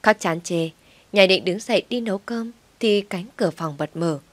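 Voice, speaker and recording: A woman narrating a family drama as an audiobook in a steady, emotive way. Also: mid-range voice, moderate pace, no room sound. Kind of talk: audiobook story reading.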